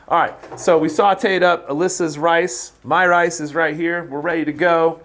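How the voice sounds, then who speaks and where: American chef guy vlogging in his little kitchen, hyped and showy, faint music under it. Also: on the high side. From United States. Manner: enthusiastic, showman-like. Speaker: chef and vlog host. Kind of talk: casual cooking vlog. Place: small home kitchen.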